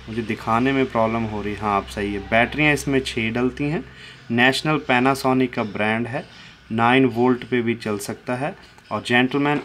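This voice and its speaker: A man running an antique shop, giving a casual, joking demo of an old tape recorder. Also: mid-range voice. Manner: chatty and jokey, mixing Hindi and English asides; talks softly so someone outside won't hear. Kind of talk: casual product demo vlog. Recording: noisy room recording.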